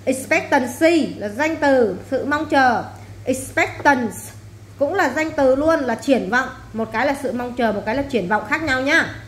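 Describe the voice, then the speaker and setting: A woman's voice: high voice, animated, measured pace. A woman English teacher runs a vocabulary drill in a classroom. She says each word, repeats it and then explains it plainly. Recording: echoey room, faint background noise.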